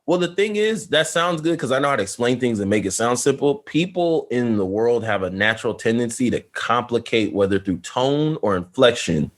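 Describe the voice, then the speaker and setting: A young man co-hosting a casual podcast, explaining things in a loose, animated way full of "like" and "you know what I'm saying". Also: medium pitch, moderate pace, hardly any pauses. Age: young adult. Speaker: podcast co-host. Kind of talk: casual chat.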